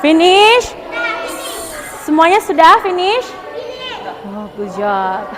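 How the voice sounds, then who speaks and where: A young woman from Indonesia tutoring children at a library read-aloud, switching between Indonesian and English and reading the story slowly and clearly. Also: extremely high pitch, very animated. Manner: mixes English and Indonesian, slow deliberate reading. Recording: chatter of children around the speaker. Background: noisy group of children.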